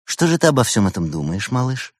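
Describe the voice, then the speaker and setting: A man voicing a gentle, respectful female panther ghost who speaks peaceably. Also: mid-range voice, big pitch swings, a little fast, no echo, studio quality, voice pushed up. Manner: peaceable, earnest.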